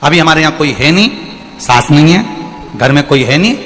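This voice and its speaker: A man's voice: fairly high pitch, lively intonation, a little fast, a bit bright, slight background noise. A man voicing a dismissive young daughter-in-law who curtly brushes people off. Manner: curt, brushing off. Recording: long reverb of a large venue.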